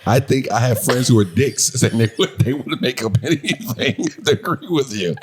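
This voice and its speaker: Speaking at a medium pitch and normal speed, this podcast co-host chats casually with his wife, trading jokes and teasing her while laughing frequently through his stories.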